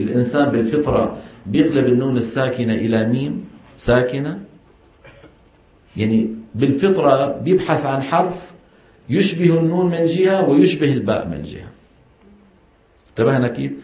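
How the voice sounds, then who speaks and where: Man teaching in an echoey room. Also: mid-range voice. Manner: explains step by step, questions the class, models the sounds. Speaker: Quran recitation teacher. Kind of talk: classroom lesson. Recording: echoey room, dull sound.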